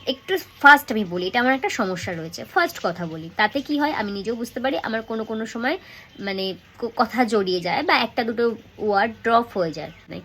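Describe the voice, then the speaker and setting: Brisk woman acting coach, higher voice. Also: slightly rough. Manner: speaks fast and checks in with "okay?", acts out dialogue lines softly as demonstrations. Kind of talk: acting lesson to camera.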